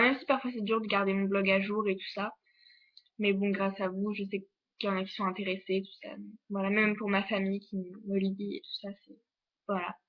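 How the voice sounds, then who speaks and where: A teenage girl from France chats through a vlog update, circling back with fillers and restarted phrases. Her voice sits at an ordinary middle pitch. The sound is a little dull and lo-fi. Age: teens. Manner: chatty, many fillers and restarts. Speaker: exchange student vlogger. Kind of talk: casual vlog monologue.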